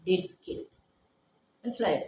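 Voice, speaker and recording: A woman with a dark tone and slow pace teaches grammar to a class, firmly quizzing students and repeating their answers back. It's classroom drilling with questions, recorded in a very echoey room with faint background noise.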